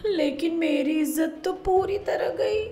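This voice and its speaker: A woman voicing a greedy, hot-tempered young daughter-in-law in a cartoon story, whiny when upset and sharp when angry. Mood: tearful. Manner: shrill, quick to anger, whiny when upset. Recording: roomy echo, faint music.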